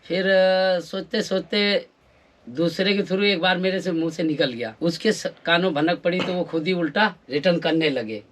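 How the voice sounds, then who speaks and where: Male guest, slightly high pitch, plain hesitant storytelling, casual conversation. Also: moderate pace, a bit bright. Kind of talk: casual chat.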